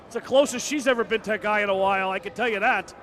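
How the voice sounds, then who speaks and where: A man's voice: high-pitched, racing, a bit bright. A man working as a wrestling commentator, calling live play-by-play in clipped bursts of move descriptions. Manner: narrates moves in clipped bursts. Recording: noisy event-hall recording.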